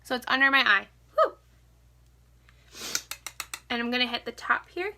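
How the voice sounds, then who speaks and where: A woman's voice: on the high side, animated, normal speed, sharp tone. A young woman chatting casually at home as she walks through a makeup tutorial, joking and saying "like" a lot. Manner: chatty, joking, filler-heavy "like". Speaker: makeup vlogger.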